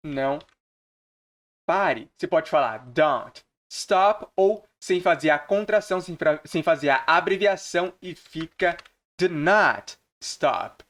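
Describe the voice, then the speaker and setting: A man from Brazil teaching English phrases in a screen-recorded lesson, repeating each example slowly and deliberately. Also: a little high, a bit bright.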